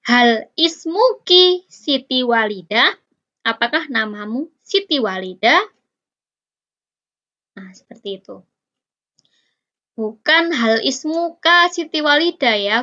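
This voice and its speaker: A woman's voice: on the high side, sharp tone, highs cut off. A woman teaching a casual lesson, explaining patiently and stretching out example words, with rising quiz-like questions; her first language is Indonesian.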